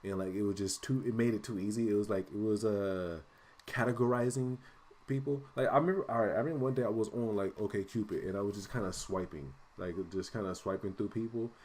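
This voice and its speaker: A man's voice: on the low side, fairly even intonation, fast talker, darkish tone. A man in his late twenties co-hosting a podcast, chatting casually and cursing, rambling with lots of fillers. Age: late 20s. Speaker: podcast co-host. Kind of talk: casual chat.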